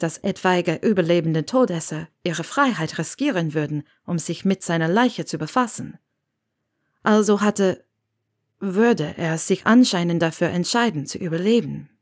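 A woman reading a fan fiction audiobook, narrating calmly and evenly. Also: on the low side. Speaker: audiobook reader.

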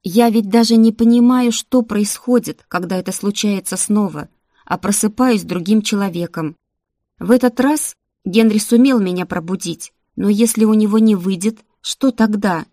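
A woman reading an audiobook, voicing a stubborn young princess who asks sharp, insistent questions. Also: mid-range voice, normal speed, dry recording, studio quality, natural voice. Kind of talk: audiobook character voice.

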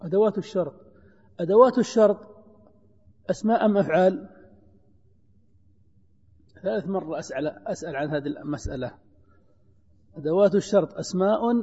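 A grammar teacher, a man, works through examples slowly, repeats himself and asks his students questions. His voice is high but mellow in tone. The dull, lo-fi recording carries a long hall reverb. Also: breathy edge. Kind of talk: classroom lesson.

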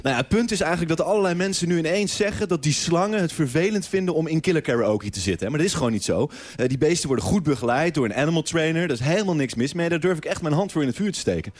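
A man's voice: a little high, expressive, very fast, hardly any pauses. A man playing a self-important male TV producer in a radio comedy sketch, talking in a pompous, preachy way. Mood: defensive.

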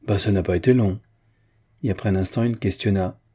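Husky, low-voiced male narrator. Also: steady tone, a little fast, dark tone. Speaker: audiobook narrator. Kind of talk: audiobook reading of a classic novel.

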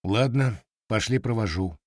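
A man's voice: lowish voice, measured pace, no echo, clean studio sound. A man voicing a firm, mocking young Cossack hunter in an audiobook. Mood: wry.

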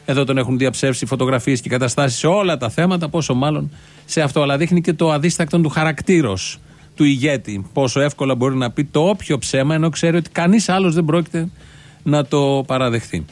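A man's voice: a little high, darkish tone. A man hosting a satirical show, giving scornful political commentary full of rhetorical questions.

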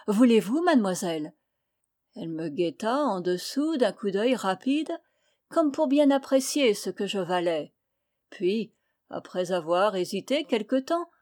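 Expressive woman reading a story aloud. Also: a little high. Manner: theatrical, swings between hushed whispers and loud exclamations. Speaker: reader.

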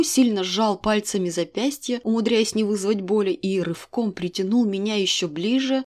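A woman reading a first-person novel aloud in an expressive, even storytelling manner. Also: medium pitch. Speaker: audiobook narrator. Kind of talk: scripted first-person narration.

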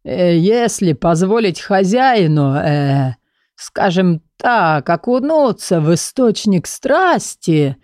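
A woman voicing a hoarse, self-important old male magic book who talks slowly and hesitantly in an audiobook. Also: lowish voice, big pitch swings, a little mellow, no echo, studio quality. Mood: pompous, hesitant. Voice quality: husky, wheezy. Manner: slow, hesitant, hemming with pauses. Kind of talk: audiobook character voice.

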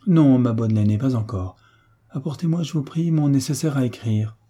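Naive young heiress, earnest and plaintive; a man reads her in a dark, husky voice. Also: medium pitch, moderate pace, pitched above the performer's own voice, lightly acted. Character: innocent, trusting young noblewoman.

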